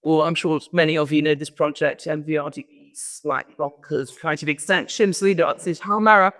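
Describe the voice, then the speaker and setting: A woman's voice: deep voice, fairly even intonation, moderate pace, fairly bright tone. A woman giving an informal conference talk as a guest speaker, rambling and often interrupting herself. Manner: rambling, self-interrupting storyteller. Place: large event hall. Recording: long hall reverb.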